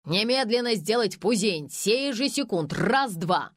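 A woman voicing a bossy young male film director who yells orders on set. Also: mid-range voice, lively intonation, unhurried, no room sound, clean studio sound. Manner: yelling, barking orders.

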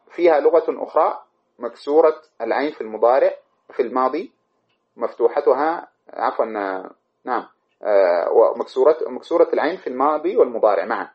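A man's voice: medium pitch, lo-fi sound. Man teaching a classical grammar lesson. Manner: explains step by step, repeats and corrects himself. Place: study room with camera.

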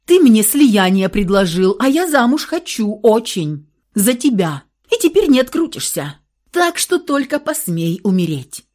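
Audiobook: a shrill, hot-tempered young heroine, read by a woman, high, swinging, loud delivery. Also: big pitch swings, normal speed. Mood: desperate. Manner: shrill, outbursts of hysterics. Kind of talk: audiobook role reading.

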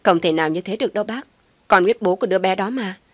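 A woman's voice: medium pitch, fast talker, no room sound, natural voice. A woman voicing a jealous young rival who speaks indignantly and with agitation.

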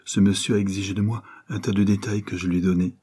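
A man reading an audiobook, voicing a voluble, kindly older woman who runs a boarding house, gushing and effusive with breathy asides. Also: low voice, little pitch movement, fast, dark tone. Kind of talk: audiobook character voice.

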